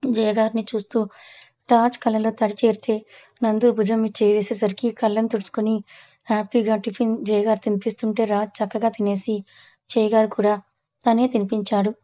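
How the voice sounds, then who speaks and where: A woman reading a romantic family story aloud in a steady, even way as narrator. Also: medium pitch, a little fast. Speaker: story reader.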